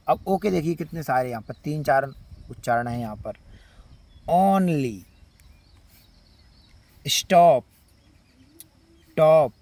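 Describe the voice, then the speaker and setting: In a spoken phonics lesson, a man with an Indian Hindi accent teaches English letter sounds, repeating example words one at a time. His voice is fairly high-pitched with a darkish tone, and he drills pronunciation slowly, drawing out each word.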